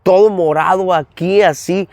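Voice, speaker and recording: A man with a Mexican accent, a guest in an interview recounting a personal testimony in an animated way, acting out the dialogue. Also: high-pitched, measured pace, no room sound. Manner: animated, acts out dialogue in retelling. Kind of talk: storytelling testimony.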